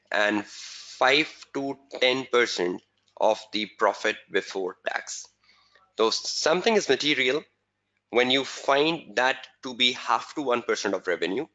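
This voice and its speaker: A man teaching an exam webinar, repeating key phrases slowly for emphasis and answering viewers' chat questions by name. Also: lowish voice, bright, forceful tone. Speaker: exam tutor.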